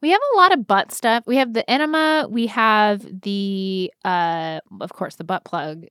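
A woman co-hosting a comedy podcast in casual chat, reading list items aloud in an animated way and laughing often. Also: medium pitch, a little slow, clear, resonant tone, dry recording, studio quality. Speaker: podcast co-host.

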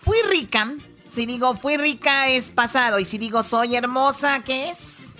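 A performer voicing a shrill, bossy female schoolteacher in a comedy radio sketch. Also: a little slow, pushed and bright, soft background music.

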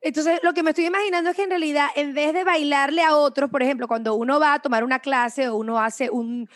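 A woman's voice: high voice, fairly even intonation, quick pace. A woman hosting a podcast interview, asking questions with enthusiastic curiosity. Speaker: podcast host. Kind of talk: conversational interview.

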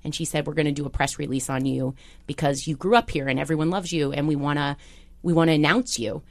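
A woman chatting casually, telling a lively story and acting out the voices of the people in it. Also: sits low, fast talker, no room sound. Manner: animated storytelling, acts out quoted voices. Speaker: TV show staffer turned on-air talent. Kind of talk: casual chat.

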